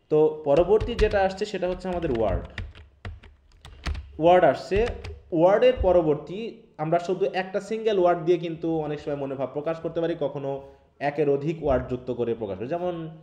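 An online English teacher with a Bangladeshi Bengali accent and a higher, dark-toned voice guides students step by step. He keeps them involved by checking in with questions, and the room sounds echoey.

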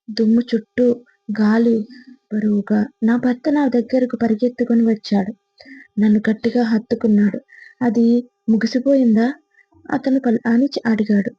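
A woman's voice: on the high side, husky, no echo. A woman narrating a first-person horror story in a tense, dramatic storytelling manner. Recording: slightly muffled, faint music behind.

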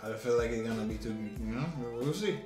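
A man's voice: medium pitch, quick pace. A young man in casual, slangy, joking chat while filming a food challenge. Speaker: vlogger doing a food challenge. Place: small indoor room, seated at table. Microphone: camera a few feet away. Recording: echoey room, music in the background.

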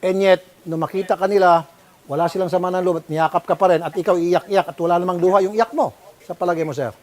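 Filipino male broadcast host, slightly high voice, stern interrogator who scolds. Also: fairly even intonation, a little mellow. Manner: stern, scolding, rapid-fire questioning. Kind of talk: confrontational public-service broadcast.

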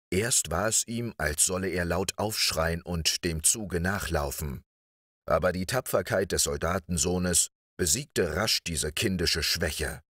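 Deep-voiced man reading a bedtime story. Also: no echo, clean studio sound. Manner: measured, calm. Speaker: audiobook narrator. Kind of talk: calm bedtime story narration.

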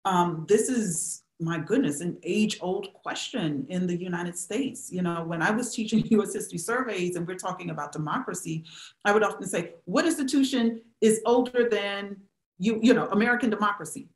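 A woman's voice: mid-range voice, moderate pace. A middle-aged woman, a historian, answering questions on a video call, speaking with emphasis and many rhetorical questions. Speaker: historian and professor, guest speaker. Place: small indoor room at home. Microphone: webcam on a video call. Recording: roomy webcam sound.

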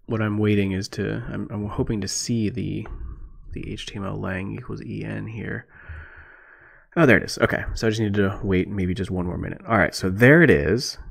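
A man giving a casual screencast lesson as an instructor, thinking aloud in a relaxed way with many fillers. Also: lowish voice, moderate pace, creaky. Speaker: programming instructor. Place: indoors at a computer, voice-over on screen recording.

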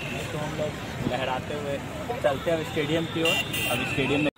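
A young man, chatting excitedly as he vlogs outdoors on his way into a cricket stadium. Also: on the high side, fairly quick. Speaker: vlogger. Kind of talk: casual vlog chat. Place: outdoors on busy city streets and at a stadium. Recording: loud crowd and street noise. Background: traffic and large crowds.

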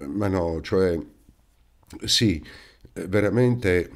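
A man voicing a flustered older gentleman in an audiobook, stammering and hesitant. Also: low voice, sing-song, slow, exaggerated voice.

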